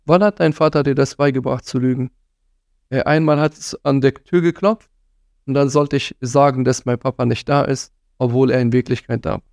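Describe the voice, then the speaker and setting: A man's voice: mid-range voice, darkish tone, no room sound, studio quality. A man giving an earnest religious talk on parenting, admonishing his listeners and sprinkling in Arabic phrases. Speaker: preacher.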